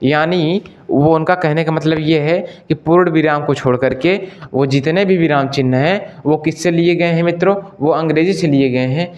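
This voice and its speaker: A man's voice: a little high, steady tone, a little mellow, muffled recording. A male Hindi teacher giving an exam-prep lesson, repeating each question to the class and then answering it himself, and addressing listeners as friends. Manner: stretches out example sentences slowly.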